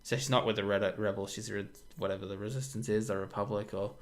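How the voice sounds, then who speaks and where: A man's voice: on the low side, little pitch movement, fast. A man co-hosting a casual gaming podcast, blunt and skeptical, swearing casually. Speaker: podcast co-host. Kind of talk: casual chat.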